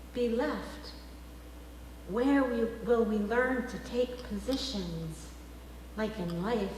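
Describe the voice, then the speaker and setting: Preaching in a vast, very echoey church with faint noise in the background, a woman minister speaks with a slightly high voice and a darkish tone. Her phrasing is emphatic, punctuated by the measured pauses of a sermon.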